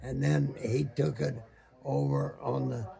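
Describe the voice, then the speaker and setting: A very old man, over a hundred, a former boat captain reminiscing in a halting way, searching for words with long pauses and many ums. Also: medium pitch, little pitch movement, mellow. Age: over 100, very old man. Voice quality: very aged, gravelly, husky voice. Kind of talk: slow reminiscing storytelling.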